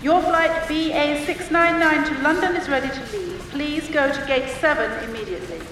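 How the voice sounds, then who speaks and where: A woman playing an airport announcer, giving formal, carefully enunciated scripted announcements to passengers in a measured manner. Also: sits high, lightly acted. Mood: formal, firm. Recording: echoing public-address sound, distant, faint noise.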